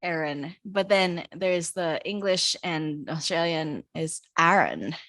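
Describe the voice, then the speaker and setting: A woman's voice: on the low side, fairly even intonation, slow, no room sound, studio quality. A Filipino-American woman chatting on a casual podcast, playfully correcting the others and laughing often. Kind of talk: casual chat.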